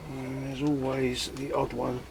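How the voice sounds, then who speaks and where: A man strips old computer parts for scrap in his garage, muttering and poking fun at himself in a chatty vlog. His mid-range voice is monotone, creaky and a little slow, with heavy background noise.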